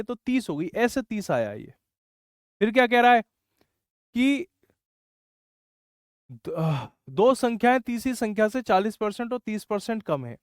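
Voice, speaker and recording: A man teaches maths in an online class, talking in a high, smooth and clear voice. He walks through each step and scolds students who get stuck. The sound is dry and close, with no echo. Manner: scolding, explains step by step, says bhai often.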